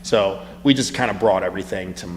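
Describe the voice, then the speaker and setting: A man's voice: low voice, brisk. A man hosting a casual podcast from his bike shop, joking and rambling with restarts. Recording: reverberant room, faint background hum.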